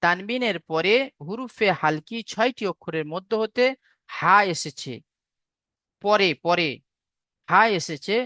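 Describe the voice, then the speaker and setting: A man's voice: sits high, pushed and bright, no echo. Patient male tajweed teacher, dry close mic. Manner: patient, repetitive explaining, spelling out syllables. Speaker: Quran recitation teacher. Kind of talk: online tajweed class lecture.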